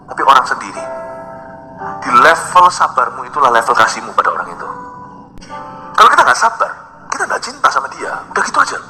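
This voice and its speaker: Bright-voiced preacher in a reverberant hall. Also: male voice, on the high side. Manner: mixes English phrases into his preaching; emphatic, swings between loud bursts and quiet drops. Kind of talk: sermon. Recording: long hall reverb with soft music behind.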